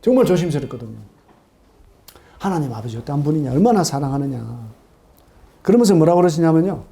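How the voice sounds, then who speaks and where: A middle-aged man preaching a sermon in a church, animated, asking his congregation questions and acting out quoted voices. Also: fairly high pitch, a little fast, gravelly. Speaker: pastor. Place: church sanctuary.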